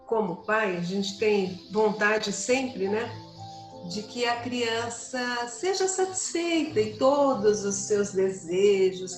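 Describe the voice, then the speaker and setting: A woman co-hosting a spiritist book study, explaining her points calmly with everyday examples. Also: mid-range voice. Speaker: study group host. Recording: roomy sound with soft music.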